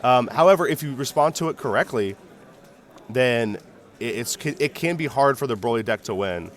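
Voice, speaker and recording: Lively male stream commentator, chatty and jokey, reads chat aloud, voice swoops around a lot. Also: medium pitch, normal speed. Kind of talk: live card game commentary.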